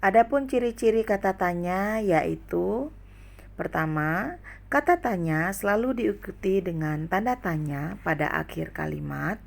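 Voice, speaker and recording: A woman's voice: medium pitch, animated, a little slow, creaky. A young adult woman teaching a grammar lesson, listing examples one by one.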